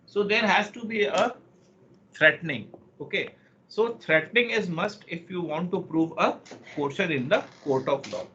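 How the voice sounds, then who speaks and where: A man's voice: sits high, expressive, moderate pace, sharp tone. A man with an Indian accent lecturing to a class on law, often repeating phrases and checking understanding with questions. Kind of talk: interactive online lecture. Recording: muffled, clearly noisy online class audio.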